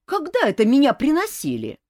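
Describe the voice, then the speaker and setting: A woman's voice: high-pitched, huge pitch swings, brisk, darkish tone, no room sound, studio quality, pitched above the performer's own voice. Woman doing a grumbling hot-tempered prince. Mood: blustering. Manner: grumbling, blustering. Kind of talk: audiobook character voice.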